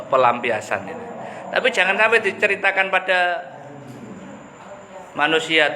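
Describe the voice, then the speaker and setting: A man's voice: mid-range voice, bright, forceful tone. A man giving a casual religious talk, chatty and joking, mixing in local slang. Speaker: preacher. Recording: echoey room with background noise.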